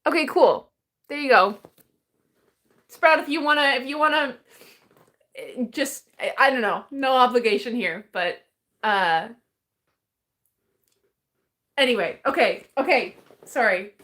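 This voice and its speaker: A woman's voice: on the high side, expressive, measured pace, pauses often, fairly bright tone. A woman chatting casually on a live stream as she opens fan mail, rambling and hesitant with many restarts and small laughs.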